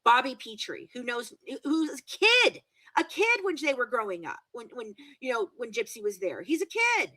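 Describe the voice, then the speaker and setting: A woman guest in a video-call interview, speaking emphatically, repeating words for stress and correcting herself quickly. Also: fairly high pitch, expressive, sharp tone, no echo, low-quality recording. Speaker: guest true-crime commentator.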